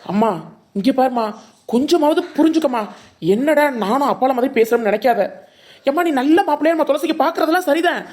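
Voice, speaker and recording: A woman voices an earnest young adult son from a cartoon, with a Ramanathapuram Tamil accent. His voice sits high. He pleads softly and reasons with his mother. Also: fast, natural voice. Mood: pleading.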